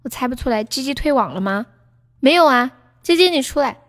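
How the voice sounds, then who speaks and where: A woman's voice: high-pitched, animated, brisk, a bit bright. A woman hosting a livestream, chatting casually and playfully with viewers. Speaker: livestream host. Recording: music playing behind the voice.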